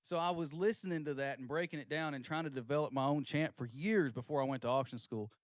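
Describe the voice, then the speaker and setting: A man's voice: fairly high pitch, fast talker, no echo, studio quality. A man, a podcast guest and auctioneer, telling stories in an easygoing, joking way. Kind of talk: casual chat. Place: podcast studio.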